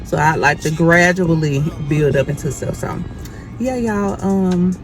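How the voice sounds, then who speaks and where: A woman's voice: fairly low pitch, a little slow, music in the background. A woman chatting casually to her vlog viewers in a familiar way, with slightly lispy S sounds from wearing a retainer, recorded on a cell phone. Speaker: vlogger. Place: inside a car, then in stores.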